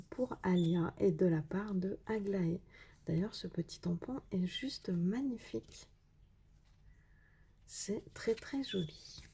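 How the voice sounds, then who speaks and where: A woman talks casually through an unboxing of craft supplies, pausing often with little fillers. Her voice is soft and breathy, in an even middle register. She keeps heaping praise on each piece she shows. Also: medium pitch. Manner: hesitant, many fillers, enthusiastic praise. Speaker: craft vlogger.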